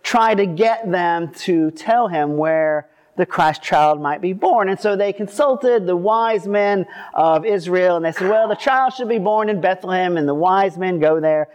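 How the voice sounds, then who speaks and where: A man's voice: high voice, unhurried, few pauses, a little mellow. A man preaching to a congregation at a pulpit microphone, speaking as a pastor in an informal, explanatory way. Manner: informal, explanatory, lightly humorous. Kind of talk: scripture reading and conversational sermon. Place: speaking to a seated congregation at a church service.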